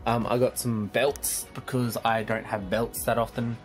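A man's voice: medium pitch, level tone, a little slow, music in the background. A tired, drained young man chatting casually as a vlog host in his bedroom, rambling and swearing freely. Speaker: channel host.

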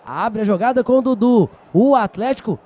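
A man with a Brazilian accent calling football live, in explosive goal commentary with shouted, drawn-out calls. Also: very high-pitched.

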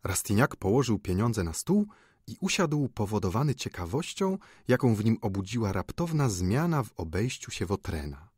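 Husky expressive male narrator. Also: fairly low pitch, normal speed, no room sound, studio quality. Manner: expressive storytelling. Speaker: audiobook narrator. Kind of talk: scripted narration.

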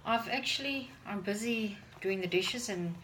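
This parent vlogger, a woman in her forties whose native language is Afrikaans, has a mid-range, fairly bright voice and an unhurried delivery. She talks earnestly and casually to a phone camera set on her kitchen counter while doing chores, frequently repeating words as she searches. The audio is poor with slight background noise.

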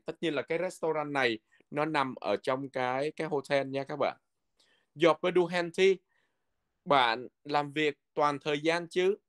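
A man teaching a language lesson from a textbook, patiently repeating words slowly so learners can follow. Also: a little high, a bit bright.

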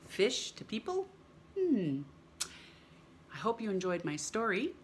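A middle-aged woman reads a picture book slowly to young children as a storytime host, indoors in a small room at home. Her medium-pitched voice swoops wildly, and she dramatically stretches words and poses questions to her listeners over a faint hiss or hum.

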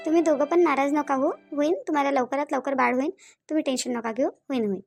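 A woman's voice: high voice, fast talker, creaky, darkish tone, no room sound, studio quality, faint music behind. Woman voicing a soothing cartoon doctor. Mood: reassuring. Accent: Varhadi Marathi. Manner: soothing, repeats reassurances. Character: calm reassuring female doctor, middle-aged.

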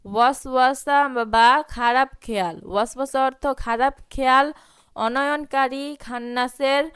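Bengali-native woman teacher, higher-pitched, crisp and clean tone, unhurried recitation drill with quick asides. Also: fairly even intonation, a bit bright. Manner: slow drawn-out recitation mixed with quick spoken explanations. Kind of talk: recitation lesson, sounding out letters and vowel marks.

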